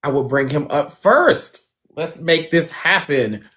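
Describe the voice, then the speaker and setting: A man's voice: a little high, animated, slow, sharp tone. A man hosting a dating show on a phone livestream, chatting casually, talking straight to viewers and laughing often.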